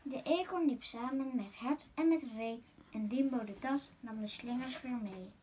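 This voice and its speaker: A woman reading a rhyming children's picture book aloud as a masked guest reader, in a gentle, sing-song way. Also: fairly high pitch, moderate pace, a little hiss or hum.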